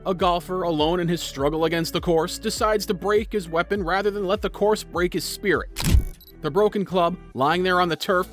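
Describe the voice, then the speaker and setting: A man's voice: sits high, normal speed. A man delivering scripted video narration in a dramatic storytelling manner. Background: music.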